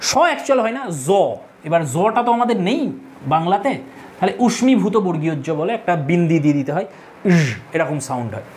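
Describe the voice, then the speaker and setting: A woman's voice: fairly low pitch, animated, fast, darkish tone, a little hiss or hum. A woman teaching an English grammar class. She speaks patiently, spelling words out letter by letter and asking the students questions. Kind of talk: classroom lesson.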